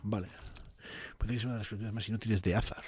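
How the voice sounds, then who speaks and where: A man's voice: lowish voice, fairly even intonation, very fast, a little mellow, faint music behind. A man, a native Spanish speaker, giving casual commentary as he plays a video game. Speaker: gameplay streamer.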